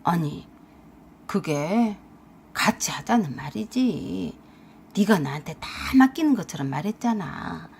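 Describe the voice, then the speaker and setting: A woman voicing a lazy, scheming husband who whines and pleads in a lowered voice. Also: expressive, unhurried, gravelly, darkish tone, a little hiss or hum. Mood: whiny. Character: lazy, scheming husband, grown man, whiny and sly.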